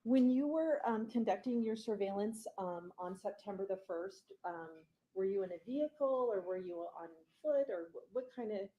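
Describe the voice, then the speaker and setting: A woman prosecutor questioning a witness in a conversational, somewhat halting way. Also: mid-range voice, lively intonation, dark tone, muffled recording.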